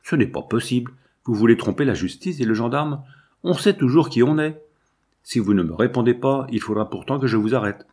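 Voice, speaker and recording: A man's voice: mid-range voice, animated, brisk, darkish tone, husky. A man reading aloud and voicing a grave, officious country gendarme who questions children. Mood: stern. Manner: grave, interrogating.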